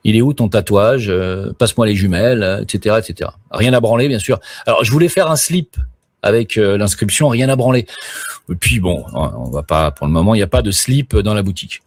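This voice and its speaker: A man's voice: fairly low pitch, expressive, fairly quick, breathy edge, no room sound. Rambling hesitant man on a live stream. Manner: rambling, full of hesitations and crude slang. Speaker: live streamer promoting his platform.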